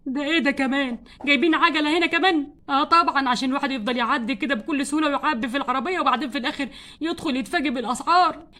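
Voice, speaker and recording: A grumbling, tight-fisted husband doll in a homemade doll play story, complaining about every cost. He speaks with an Egyptian Arabic accent, rattling off words at great speed in a high voice. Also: very fast, pushed and bright. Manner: complaining, exasperated about money. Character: stingy grumbling husband doll, adult man.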